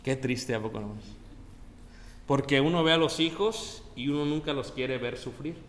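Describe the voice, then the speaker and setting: A man's voice: mid-range voice, normal speed, a bit bright, reverberant, big-room sound, slight background noise. A man preaching a sermon in a conversational way, often asking the congregation questions. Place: church.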